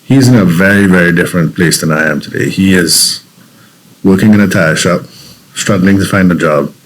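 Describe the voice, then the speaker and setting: Reflective and earnest, a Trinidadian-accented interview guest from Trinidad and Tobago tells his story in a very low voice at normal speed. He often restarts his sentences as he thinks aloud, and the recording is rough.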